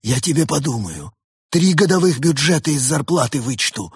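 A man voicing a stern, penny-pinching male boss with an impatient, bossy manner and a husky voice. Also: lowish voice, normal speed, a bit bright, no room sound, studio quality. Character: stern stingy male boss on a costly call.

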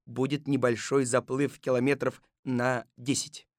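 A man's voice: medium pitch, level tone, a little slow, no echo, close to an everyday voice. A man voicing an earnest male detective chief who makes rousing speeches. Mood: calm. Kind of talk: audiobook reading.

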